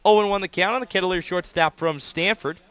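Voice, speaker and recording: A man's voice: high-pitched, a little fast, a bit bright, smooth. A man doing live baseball play-by-play commentary as the announcer, in clipped phrases, stretching words on big plays.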